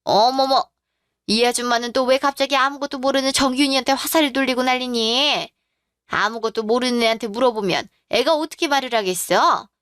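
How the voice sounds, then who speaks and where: Lady doing a bossy mother-in-law, preachy, higher voice, dry audio. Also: fairly quick, a bit bright, smooth, dry recording. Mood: indignant. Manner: patronizing, scolding. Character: condescending older mother-in-law. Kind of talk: radio drama acting.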